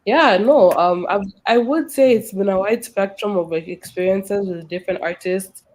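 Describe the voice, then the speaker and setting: A woman's voice: medium pitch, moderate pace, darkish tone. A woman chatting casually and reflectively as an artist being interviewed. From Kenya. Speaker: hip hop artist, interview guest.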